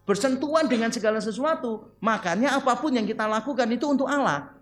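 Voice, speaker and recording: A high-voiced male pastor delivering a sermon. He tells stories in a lively way, acts out bits of dialogue and laughs along, and keeps turning to the congregation as he speaks. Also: fast, slight background noise. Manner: animated storytelling with quoted dialogue and laughter; addresses listeners as "saudara".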